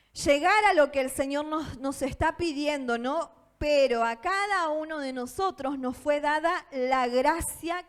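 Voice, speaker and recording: A woman pastor with a Rioplatense Spanish accent, preaching a sermon in a church auditorium, earnest and often asking her listeners for agreement. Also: high-pitched. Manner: earnest, asks the audience for agreement, laughs between points.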